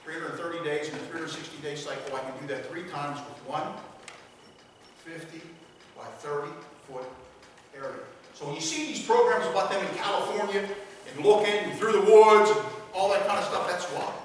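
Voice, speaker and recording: A man's voice: on the high side, lively intonation, moderate pace. A man from a sheriff's office giving a talk to an audience. He talks conversationally, repeats himself and asks the room "okay?" and "right?". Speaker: public speaker from a sheriff's office. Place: large echoey hall with an audience. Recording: echoey hall from far off, faint hiss.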